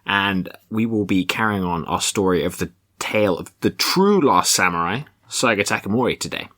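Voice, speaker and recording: Guy with a bright crisp-edged voice, podcast host just chatting, recorded up in an attic. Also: fairly low pitch, animated, moderate pace. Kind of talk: casual chat. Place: attic room of a family house.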